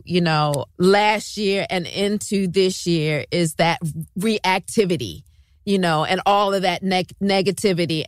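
Low-voiced woman hosting an interview. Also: smooth, dry recording, clean studio sound. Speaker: show host.

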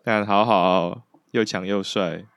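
A man's voice: on the low side, steady tone, slow, a bit bright, smooth, no room sound. Dry-voiced teasing man. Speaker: podcast co-host. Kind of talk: casual baseball chat.

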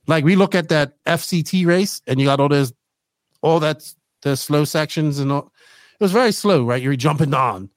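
A man's voice: on the high side, normal speed, dry recording. A man hosting a podcast, chatting casually and eagerly pressing his guest with questions. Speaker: podcast host. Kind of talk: casual interview chat.

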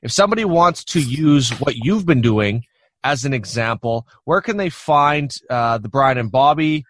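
A man's voice: mid-range voice, animated, moderate pace, a little hiss or hum. A man hosting a podcast in a casual, conversational interview style. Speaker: podcast host.

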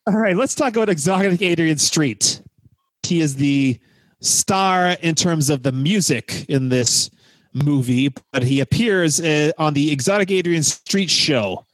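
Male podcast host, fairly high voice, dry sound, casual animated storytelling with stressed key words. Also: measured pace, dry recording, rough recording. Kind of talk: casual film review chat.

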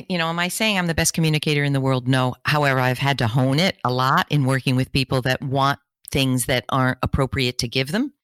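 A middle-aged woman, a career coach, chatting as a guest in an interview and telling stories in lively, quick bursts. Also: a bass voice, no echo, clean studio sound. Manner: animated storytelling, quick bursts. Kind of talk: casual interview chat.

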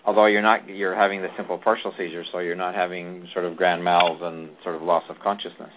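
A man's voice: low-pitched, little pitch movement, fairly quick, noisy background. A man who is a physician, giving rambling advice to a caller on a call-in radio show, often restarting his sentences. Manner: rambling, with frequent restarts and fillers. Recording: tinny phone-like radio audio.

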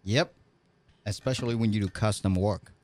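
A man's voice: lowish voice, normal speed, a little mellow. A man in his forties with a Vietnamese accent, a custom gunsmith and engineer talking in a casual interview, hesitant with many fillers and broken grammar.

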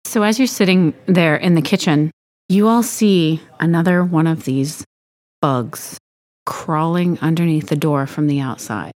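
A woman's voice: deep voice, unhurried, a little mellow, no room sound. A woman narrating as game master of a tabletop game, playful and coaxing with her players.

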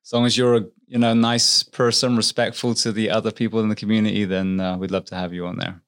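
A man's voice: fairly low pitch, little pitch movement, fast, clear, resonant tone. A middle-aged English man, a firefighter and author, giving earnest, reflective advice as a guest in a conversational interview. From England.

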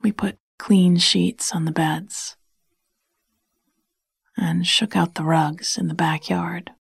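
A woman hosting a sleep podcast, telling a bedtime story in a soft, breathy half-whisper with a slow, soothing manner. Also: on the low side, steady tone, dry recording, clean studio sound.

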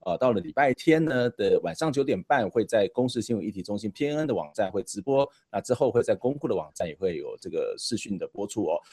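A man's voice: on the low side, warm tone, breathy edge. A man with a Taiwanese Mandarin accent hosts a current affairs talk show in a conversational manner.

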